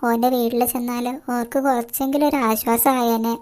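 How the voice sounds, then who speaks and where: ഒരു സ്ത്രീ കാർട്ടൂണിൽ മലബാർ മലയാളം ശൈലിയുള്ള, കരുതലുള്ള ഒരു സ്കൂൾ ടീച്ചർക്ക് ശബ്ദം നൽകുന്നു; ടീച്ചറുടെ സംസാരം ആശങ്കയും ആത്മാർത്ഥതയും നിറഞ്ഞതാണ്. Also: female voice, a little high, level tone, a little fast, a little mellow, slight background noise, natural voice. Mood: worried. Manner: worried, earnest. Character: caring female schoolteacher, worried.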